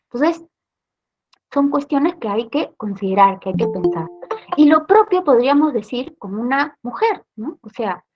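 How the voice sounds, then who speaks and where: Over background music and dull audio, a high-pitched woman from Peru explains a police training topic step by step at a measured pace. She speaks Peruvian Spanish with lively intonation, regularly adding tag questions to check her listeners are following.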